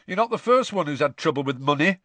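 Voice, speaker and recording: A blunt older campsite keeper, gruff and loud, who eyes everyone with suspicion, as a man puts him on in a storybook reading. His voice swings up and down as he talks. Recorded dry and close. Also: a little high, lively intonation, fast, no echo, voice pushed up. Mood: suspicious chatty.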